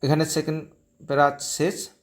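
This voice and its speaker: A man teaching a Sanskrit text in a recorded lesson, slowly reciting each phrase syllable by syllable and then explaining it. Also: fairly high pitch, flat delivery. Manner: slow, careful syllable-by-syllable recitation.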